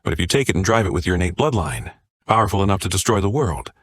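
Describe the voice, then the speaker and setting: A man narrating a comic story recap in a flat, even reading style. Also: sits low, quick pace.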